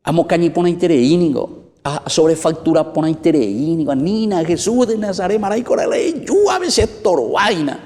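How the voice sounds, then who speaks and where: A man voicing a defiant, cornered male demon in high, strained shouts. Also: big pitch swings, normal speed. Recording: long church reverb.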